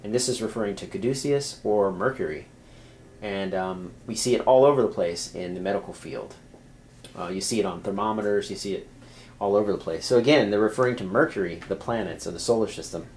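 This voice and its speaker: A man's voice: fairly low pitch, brisk, a little mellow, slight background noise. A man explaining things casually to viewers, talking off the cuff with many fillers and restarts. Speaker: video creator explaining symbols.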